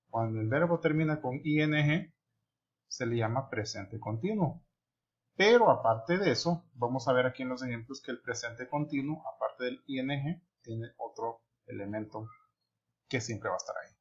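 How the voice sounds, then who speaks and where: A man teaching an online English lesson, saying English examples slowly and deliberately. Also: medium pitch. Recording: dull lo-fi recording.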